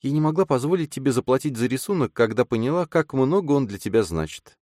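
A man voicing an affectionate, playful adult woman in an audiobook, lifting his voice higher and speaking softly and teasingly. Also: animated, fast talker, dry recording, studio quality, lightly acted. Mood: tender. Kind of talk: audiobook character reading.

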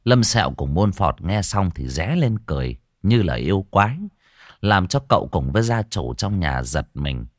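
A man's voice: deep voice, normal speed, no echo, clean studio sound. A man telling a comic village story, acting out all the voices. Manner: lively, acting out many voices.

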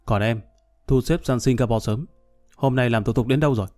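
A man's voice: mid-range voice, fairly quick, mellow, faint music behind, close to an everyday voice. A man voicing a drunk, hot-tempered middle-aged man who rants and threatens revenge in a storybook reading. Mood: blustering. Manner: blustering, vengeful rant.

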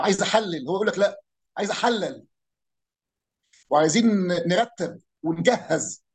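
Fast-talking Egyptian man explaining dialects. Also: sits high. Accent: Egyptian Arabic. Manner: animated, imitates regional pronunciations, rhetorical questions. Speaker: speaker on Arabic dialects and folk heritage. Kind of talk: casual explanatory talk.

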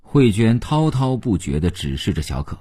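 Deep-voiced male audiobook narrator. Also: normal speed, breathy edge. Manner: expressive, storytelling. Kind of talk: scripted novel narration.

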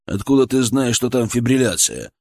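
Man doing a gruff skeptical paramedic. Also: mid-range voice, very animated, normal speed, darkish tone. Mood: brusque. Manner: brusque, mocking, commanding. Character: gruff skeptical male paramedic around forty.

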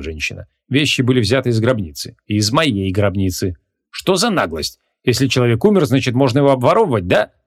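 A man voicing an arrogant, quick-tempered ancient archmage who talks gruffly and scornfully. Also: medium pitch, lightly acted.

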